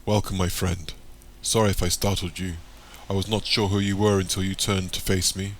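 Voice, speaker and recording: A secretive, formal man in an audiobook story, calm and courteous, with a fairly low voice, as the male narrator reads him. He speaks in a measured, deliberate way. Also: slight background noise, natural voice.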